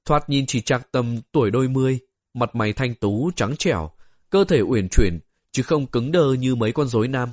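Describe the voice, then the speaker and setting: A man reads a story aloud at a middle pitch, steady and even. His voice is close and dry, with no room sound at all. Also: moderate pace, no echo. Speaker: audiobook narrator. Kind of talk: storybook narration.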